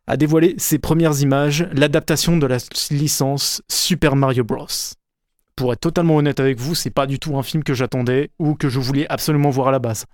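Young male film columnist on radio, higher voice, dry studio sound, eager and candid. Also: a little mellow, no room sound. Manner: enthusiastic and candid, occasional stumbles. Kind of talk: radio column, partly scripted. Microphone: studio microphone.

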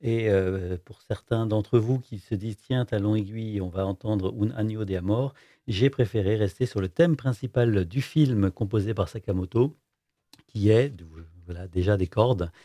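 A man's voice: lowish voice, normal speed, mellow, dry recording. A man hosting a radio show about film music, talking in a chatty way with many fillers and self-corrections. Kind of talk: casual radio presentation.

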